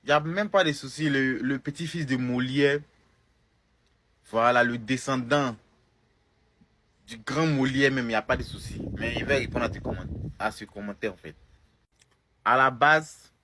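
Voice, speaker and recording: A man's voice: medium pitch, measured pace, long pauses, bright, forceful tone. A young man with an Ivorian French accent, answering a comment in a casual video. He talks with emphasis and often repeats or restarts phrases. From Côte d'Ivoire. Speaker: content creator.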